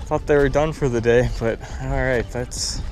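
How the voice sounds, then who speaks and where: A man in his twenties vlogging from a small boat on a lake, talking casually to an action camera strapped to his chest, excitable and quick to laugh. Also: medium pitch. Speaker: fishing vlogger. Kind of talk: casual on-the-water narration.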